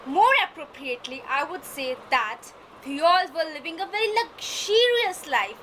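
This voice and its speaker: A woman's voice: high-pitched, lively intonation, normal speed, a bit bright. A young woman with an Indian accent declaims a prepared speech in a rhetorical way. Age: young adult. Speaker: student contest speaker. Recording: faint background noise.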